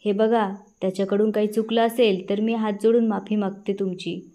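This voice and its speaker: A woman's voice: mid-range voice, level tone, normal speed, mellow, close to an everyday voice. A woman reading the lines of a worried older wife who keeps asking what happened. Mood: anxious. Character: worried elderly wife and mother.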